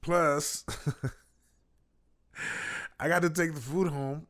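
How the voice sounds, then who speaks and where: A man's voice: fairly high pitch, fairly even intonation, drawn-out words, fairly bright tone. A man, a food delivery driver, telling a story in a casual vlog, chatty and laughing often. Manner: chatty, laughs often, tags lines with "right?".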